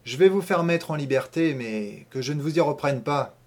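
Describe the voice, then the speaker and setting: A man's voice: on the high side, expressive, normal speed, natural voice. A man reading an audiobook, voicing a pompous, irritable village mayor who barks orders scornfully. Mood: scornful, commanding. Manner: loud, scornful, commanding.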